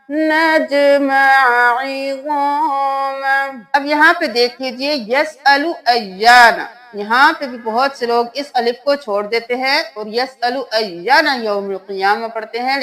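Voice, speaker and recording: Teaching tajweed, a woman with a fairly high pitch and fairly bright tone breaks letters down syllable by syllable. Her recitation of verses is slow, melodic and drawn out, paired with patient explanations.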